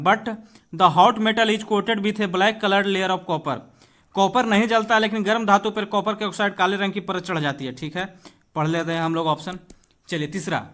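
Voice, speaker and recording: His voice is high, pushed and bright as this Indian-accented man teaches exam preparation. He reads questions aloud and explains them to students directly, slowing noticeably when reading English.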